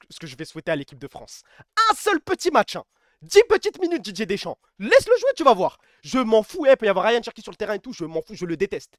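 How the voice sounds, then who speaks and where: A man live-streaming in casual chat, excitable and emphatic, repeating himself and swearing freely. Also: high-pitched, dry recording, studio quality.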